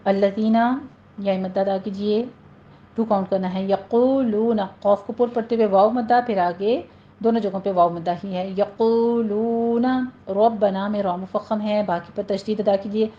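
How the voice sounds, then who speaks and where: A woman's voice: medium pitch, fairly even intonation, lo-fi sound, slight background noise. Patient woman teaching Quran recitation. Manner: patient, explains rules step by step, then recites words slowly and drawn out. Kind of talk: tajweed lesson with slow recited examples.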